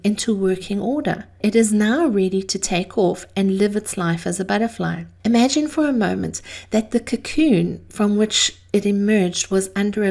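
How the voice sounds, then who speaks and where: A woman with a mid-pitched, heavily creaky voice delivers a scripted motivational monologue. She speaks theatrically and deliberately, stretching phrases for emphasis as she addresses her listeners. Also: a little mellow. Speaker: host of a daily inspirational series.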